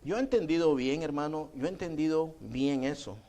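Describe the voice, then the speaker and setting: A man's voice: on the high side, normal speed, warm tone. A male pastor, preaching a sermon in a conversational tone and often calling listeners brother. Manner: acts out quoted voices in dialogue.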